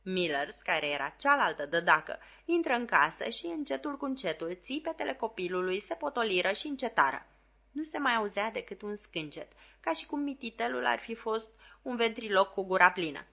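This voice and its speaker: A woman reading a classic novel aloud as an audiobook, with clear and expressive storytelling. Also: mid-range voice. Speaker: audiobook reader.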